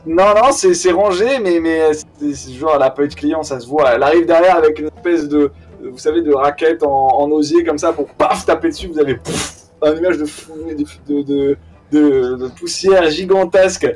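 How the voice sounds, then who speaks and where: Southern french guy running a tabletop game, halting, mic kinda far. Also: fairly high pitch, darkish tone. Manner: halting, many fillers and restarts, clears throat. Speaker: game master. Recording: distant mic, faint music.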